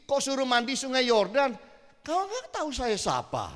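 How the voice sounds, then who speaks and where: A haughty, offended commander, as a preaching man puts him on speaks in a high, indignant tone, pushing back at a slight. Long reverb from a large church hall trails behind each phrase. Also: huge pitch swings, normal speed, fairly bright tone, exaggerated voice. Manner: indignant, huffy. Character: proud offended foreign army commander, male.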